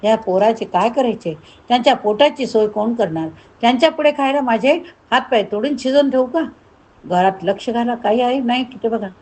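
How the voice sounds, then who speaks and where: A woman's voice: fairly high pitch, fairly quick, a little mellow, lightly acted. A woman voicing a poor, desperate mother who scolds her husband with pleading questions. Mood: exasperated scolding.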